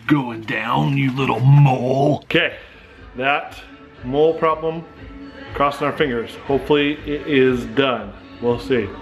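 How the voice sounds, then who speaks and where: A man's voice: mid-range voice, a little slow, music in the background. A middle-aged American man narrating a casual vlog in a folksy, lightly joking way. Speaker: vlogger.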